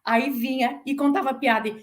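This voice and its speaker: A Brazilian woman in her forties with a Brazilian Portuguese accent talks in a relaxed interview. She tells anecdotes briskly and acts out the voices of people she quotes. Her voice sits a little higher than most women's. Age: 40s. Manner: lively storyteller who acts out quoted voices. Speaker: former flight attendant telling her story. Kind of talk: casual chat interview.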